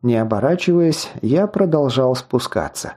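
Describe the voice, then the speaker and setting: A man narrating a fantasy novel in the first person, in an even, storytelling manner with wry asides. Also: mid-range voice, moderate pace. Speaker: audiobook narrator.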